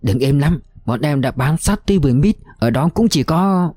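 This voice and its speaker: A young, deferential male scout reporting in hushed, hurried words, as a man reads him. The voice stays close to the reader's own, dark and mellow in tone. The recording is dry and close, with faint music underneath. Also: a little high, expressive, dry recording. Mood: hushed urgent.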